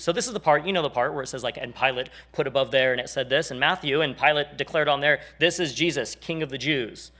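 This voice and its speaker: A man in his forties leads a church class, speaking in a relaxed, joking way. His voice sits a bit high for a man. He slips into little acted voices when he quotes people. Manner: animated, jokey, acts out quoted people. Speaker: church teacher. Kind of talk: casual teaching talk.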